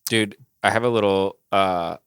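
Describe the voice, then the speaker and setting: Deep, smooth-voiced young man chatting. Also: moderate pace, no echo, studio quality. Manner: animated storyteller, many fillers. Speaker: podcast co-host. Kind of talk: casual chat.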